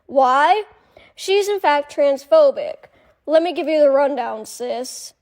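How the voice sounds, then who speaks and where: A woman's voice: high voice, lively intonation, takes it slowly, darkish tone. A woman giving a sarcastic, profane commentary vlog, addressing her viewers in a mock-patronizing way. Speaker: commentary vlogger.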